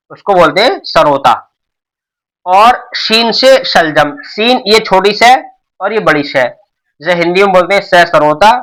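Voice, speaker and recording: Middle-aged guy teaching letters, high bright voice, goes slow and repeats stuff a lot. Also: poor audio. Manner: patient, repetitive explaining with many restarts. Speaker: Urdu teacher. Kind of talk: classroom-style alphabet lesson.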